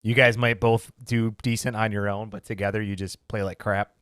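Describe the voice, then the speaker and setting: A man co-hosts a casual podcast chat, asking friendly questions and teasing his partner. His voice is smooth and resonant, recorded close and dry. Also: fairly low pitch, level tone, moderate pace, a bit bright, no room sound. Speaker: podcast co-host.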